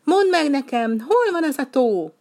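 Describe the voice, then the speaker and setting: A woman's voice: on the low side, lively intonation, darkish tone. A woman voicing a small, grumpy young penguin in a storybook reading, blunt and grumbling. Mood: urgent.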